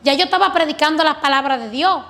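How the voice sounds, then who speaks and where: A woman's voice: high-pitched, quick pace, a bit bright. A woman earnestly telling her religious testimony as a guest, recounting prayers and answers with fervent conviction. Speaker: guest giving a faith testimony.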